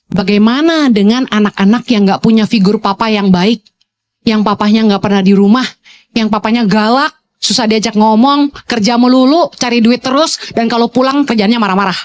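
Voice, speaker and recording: A woman pastor, preaching to a youth congregation in a lively storytelling way, slipping in English phrases. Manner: swings to high, playful exclamations.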